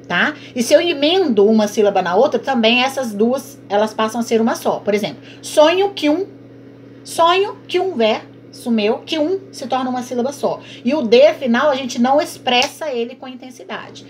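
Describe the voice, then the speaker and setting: A woman teacher leads an online class, her voice a touch higher than most. She explains patiently and often asks and answers her own questions. A faint noise hangs under the recording.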